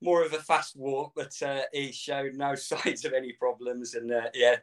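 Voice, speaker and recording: A man's voice: mid-range voice, little pitch movement, moderate pace. A middle-aged man chatting as a guest on a fan show, rambling and easygoing, often laughing. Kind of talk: casual chat.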